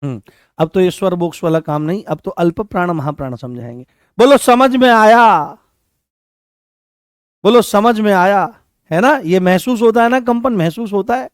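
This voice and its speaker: A man's voice: high-pitched, animated, brisk, dry recording, studio quality. A man teaching an online exam-prep class, repeating key phrases and coaxing his students with affectionate names.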